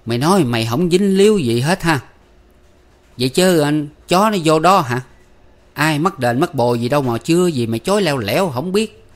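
A man voicing a sharp-tongued, scolding middle-aged village mother who nags her grown son. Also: mid-range voice, lively intonation, moderate pace, pitched above the performer's own voice, lightly acted. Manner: nagging, scolding.

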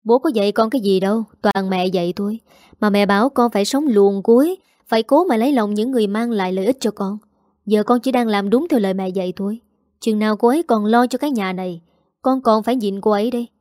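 A woman's voice: medium pitch, quick pace, darkish tone, no room sound, clean studio sound, natural voice. Woman reading as an irritable young husband. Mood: defensive. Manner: defensive, irritable. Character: frustrated young husband and son.

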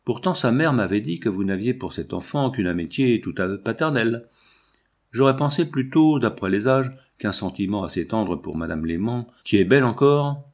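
A man reading aloud and voicing a composed, worldly middle-aged gentleman with a calm, assured manner. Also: fairly low pitch, moderate pace.

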